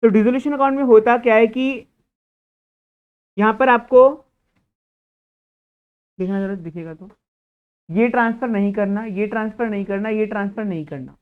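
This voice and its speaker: Man, accounting teacher, classroom lecture, asks and answers his own questions, smooth clear voice, thin phone-like sound. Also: high voice, normal speed, pauses often. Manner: scolds a student. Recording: tinny, phone-like lecture recording.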